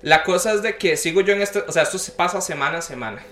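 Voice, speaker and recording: A man's voice: sits high, fast talker, a bit bright. A young man casually telling a long story about his dreams, acting out the voices of the people in it. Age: young adult. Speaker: podcast guest. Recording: echoey room with faint noise.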